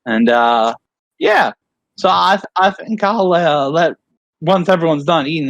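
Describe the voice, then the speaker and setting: A man's voice: fairly high pitch, dry recording, muffled recording. A man voicing a huge, muscular male soldier with a Southern American accent, friendly and drawling.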